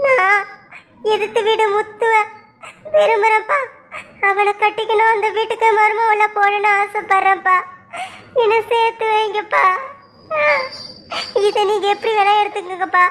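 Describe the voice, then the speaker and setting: A woman's voice: very high voice, flat delivery, normal speed, long pauses, a bit bright. A woman voicing an earnest young village daughter in a cartoon, who pleads in long, heartfelt appeals. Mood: pleading. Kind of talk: cartoon voice acting.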